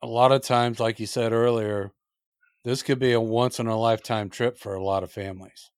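A man's voice: mid-range voice, steady tone, moderate pace, clean tone, no echo, clean studio sound. A man hosting a podcast, affirming his guest in a friendly way. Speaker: podcast host. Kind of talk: casual interview chat.

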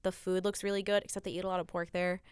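A young American woman hosts a casual podcast chat. Her voice is clean and smooth, picked up very dry. She talks informally, with slang and lots of "like". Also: lowish voice, flat delivery, fast talker, no room sound. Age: young adult. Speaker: podcast host.

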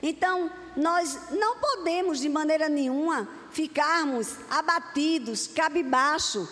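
A woman's voice: high-pitched, measured pace, a bit bright. A woman preacher delivering a sermon to a congregation in an earnest, repeating cadence. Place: church hall. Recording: long hall reverb.

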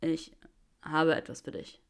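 A nervous young wizard who halts and stammers over his words, as a woman reading a fan story plays him. The voice is pitched a little low, gravelly and rough at the edges. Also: fairly even intonation. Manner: halting, stammering.

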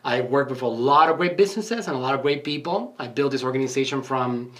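Brisk and fairly bright in tone, this man's medium-pitched voice carries motivational podcast talk and interview answers. He runs a marketing agency and speaks earnestly and emphatically, with frequent fillers.

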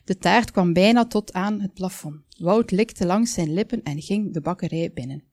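A woman calmly reading a children's story aloud, with small slips now and then. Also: fairly low pitch, normal speed, dry recording. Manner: calm, with small slips and asides.

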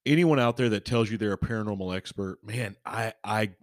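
A man hosting a podcast solo in casual, rambling, chummy talk, swinging between emphatic bursts and quiet trailing-off. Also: on the low side, brisk, no room sound, clean studio sound. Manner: rambling, informal, chummy address to listeners. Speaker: podcast host.

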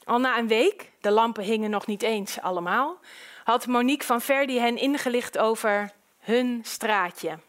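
A woman narrating an audiobook in a calm, measured storytelling voice. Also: fairly high pitch.

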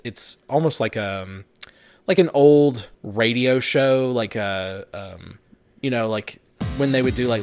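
A man in his thirties hosting a podcast, chatting casually and rambling with fillers and restarts. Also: fairly low pitch. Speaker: podcast host. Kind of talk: casual chat.

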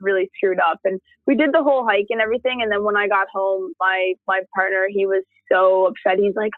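A woman tells her story in a casual, chatty way and acts out the words people said. The sound is dry and tinny, like a phone call. Her pitch sits in a middle range. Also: steady tone, fairly quick, no echo. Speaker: interviewee. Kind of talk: casual conversation.

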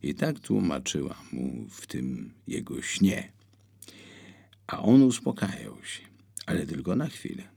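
A man narrating an audiobook with expressive storytelling. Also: a little slow, creaky, slightly rough. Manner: expressive storytelling with wide swings in pitch.

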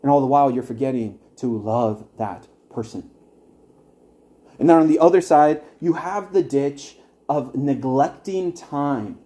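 A man's voice: medium pitch, a little slow, mellow. A young man teaching an evangelism class at church, earnest and conversational, with wry asides to his listeners.

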